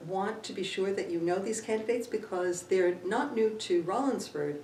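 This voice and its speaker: Gracious woman interviewer, mellow and roomy. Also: on the low side. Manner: gracious, complimentary, slow-paced. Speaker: interviewer of town candidates. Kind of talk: local civic interview. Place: town library room. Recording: echoey room, far from mic, faint hum.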